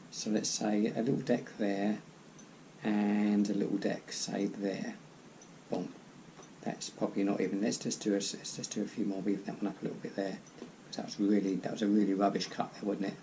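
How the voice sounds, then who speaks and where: Male amateur magician, soft-edged low-key tone with fry, rambling card-trick patter, slightly noisy home recording. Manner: rambling, repeats phrases, self-deprecating asides.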